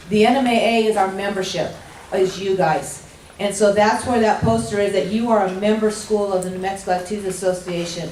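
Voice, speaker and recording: A middle-aged woman with a hoarse, gruff voice giving a welcome speech at a rules clinic, talking informally with many ums and restarts. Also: mid-range voice, darkish tone, slight background noise. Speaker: executive director of a state activities association. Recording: echoey hall from far off.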